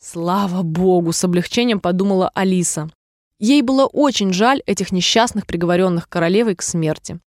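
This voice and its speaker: A woman narrating a classic storybook in an expressive, measured reading voice. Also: mid-range voice, no echo, studio quality. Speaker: audiobook narrator.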